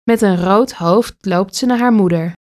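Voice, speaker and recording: A woman reading a children's story aloud with an expressive delivery. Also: medium pitch, a little slow.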